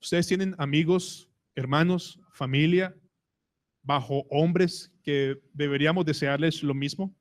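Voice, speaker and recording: A man's voice: on the high side, a little slow. A man with a Colombian Spanish accent preaching a sermon in church, asking the congregation questions and retelling conversations. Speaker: pastor.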